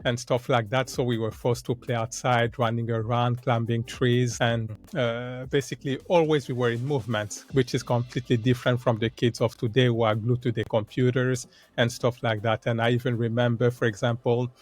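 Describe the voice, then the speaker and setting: A man's voice: medium pitch, flat delivery, normal speed, few pauses. A man from the Democratic Republic of Congo, a podcast guest, talking earnestly in casual interview talk, with frequent "uh" and "basically" fillers.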